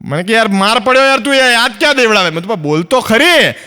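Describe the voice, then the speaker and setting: In a large hall, a man from Ahmedabad, Gujarat, India, delivers stand-up in an extremely high, bright, forceful voice that is clear and resonant, with lively intonation and a quick pace. His Ahmedabadi Gujarati accent runs through a chatty set filmed on stage for a comedy recording. He acts out both sides of each story.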